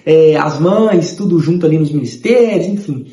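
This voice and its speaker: A man, telling his conversion testimony in an animated way and acting out the voices of others. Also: on the high side, normal speed, echoey room. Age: 30s.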